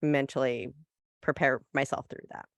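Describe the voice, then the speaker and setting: A player in a tabletop game, describing their character's feelings in a reflective, halting way. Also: mid-range voice, steady tone, gravelly, a bit bright, smooth, dry recording, clean studio sound.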